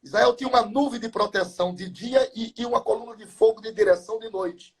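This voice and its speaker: Very high-pitched, gravelly, and slightly rough, a pastor in his seventies talks fairly quickly during a live chat. He fervently narrates Bible stories full of numbers and wordplay.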